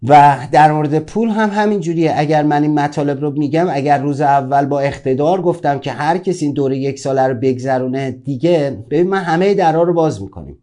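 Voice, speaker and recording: A man's voice: a little high, hardly any pauses, dark tone. A man teaching a self-help course, giving an informal motivational talk and speaking directly to his listeners in a conversational way.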